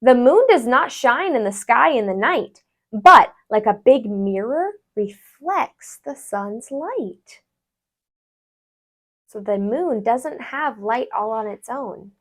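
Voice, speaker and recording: A female tutor gives a rhyming kids' book an expressive, deliberate read with a musical, sing-song lilt. Her voice is a little high and animated.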